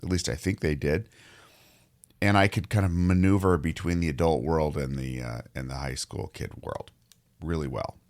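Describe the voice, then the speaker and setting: A man in his fifties hosting a daily show, his voice hoarse, distorted and gravelly from a cold as he tells stories in a rambling, conversational way. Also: rumbling low, moderate pace, darkish tone. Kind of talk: solo podcast monologue.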